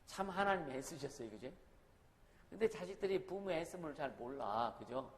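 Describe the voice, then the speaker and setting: Male pastor, higher-pitched, casual preaching voice that keeps questioning the congregation; recorded in a reverberant church hall. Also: expressive, a little fast. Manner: conversational preaching, often asks the congregation questions. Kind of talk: sermon. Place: church sanctuary. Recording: long reverb of a hall, faint noise.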